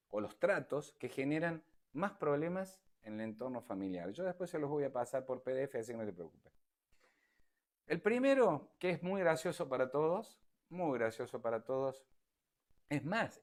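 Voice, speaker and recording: A man giving an informal lecture to an online audience over a video call, talking in a repetitive, emphatic, conversational way. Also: medium pitch. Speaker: speaker giving a talk.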